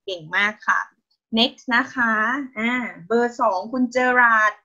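A woman's voice: on the high side, a little slow, sharp tone, lo-fi sound. A woman with a Thai accent teaching a language class over a video call, patient and encouraging with constant praise and polite particles. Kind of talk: online Thai lesson, mixing Thai and English.

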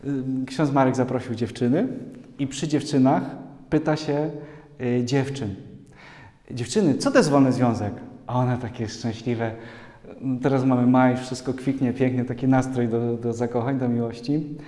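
Man, priest, lively sermon with jokes, mellow voice, long hall reverb. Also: medium pitch, moderate pace. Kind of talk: sermon to a youth community. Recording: echoey hall.

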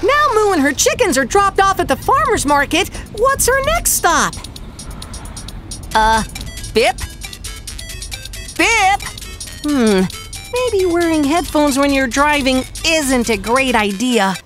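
An actor voicing a kindly, patient panda doctor in a children's cartoon, narrating and coaxing viewers with questions. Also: male voice, very high-pitched, big pitch swings, slow, long pauses, exaggerated voice. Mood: cheerful. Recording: voice over loud background music.

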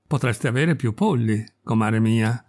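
A man's voice: medium pitch, a little slow, darkish tone, pitched below the performer's own voice, close to an everyday voice. A man reading a story aloud, voicing a crafty, teasing farmer who talks in a wheedling, mock-serious way. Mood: sly. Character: sly teasing country farmer, crafty middle-aged man.

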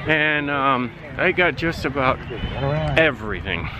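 Outdoors where a yard meets a busy farm, a homestead vlogger in his forties chats casually to the camera. His medium-pitched voice is animated and measured, picked up by a handheld or nearby camera mic over a noisy background.

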